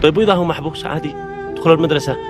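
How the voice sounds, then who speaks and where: A man's voice: a little high, rapid-fire. A man with a Yemeni accent hosting an on-location vlog as a casual interviewer, coaxing and encouraging, often repeating himself. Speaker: video host interviewing people outdoors. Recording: music behind the voice.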